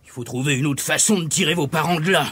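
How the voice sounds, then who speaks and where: A man voicing a gruff, grumpy old grandfather bogeyman in a storybook reading, scolding and sneering. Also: on the high side, fast talker, a bit bright, pitched above the performer's own voice. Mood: grumbling.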